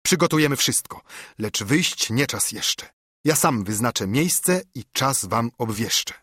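A man's voice: medium pitch, animated, unhurried, sharp tone, breathy edge, no room sound, studio quality, full character voice. A man reading as a fervent old monk. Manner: impassioned, urging. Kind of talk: audiobook reading of epic verse.

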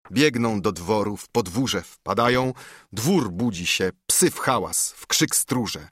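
A man narrating epic poetry in a measured, rhythmic reading. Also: lowish voice, a bit bright, breathy edge, dry recording, studio quality.

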